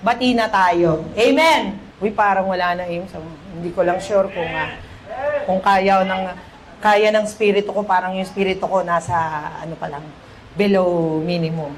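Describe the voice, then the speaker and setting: A woman pastor with a Filipino accent preaching a lively sermon, asking the congregation "Amen?" and quoting scripture in English. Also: medium pitch, moderate pace, a little hiss or hum. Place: church.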